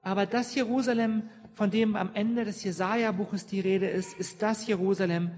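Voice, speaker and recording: A woman's voice: mid-range voice, steady tone, moderate pace, darkish tone, faint music behind. A woman pastor giving a sermon to her congregation, often asking them questions and checking in with "ja?". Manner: engages the congregation with questions and frequent "ja?". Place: church. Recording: long church reverb.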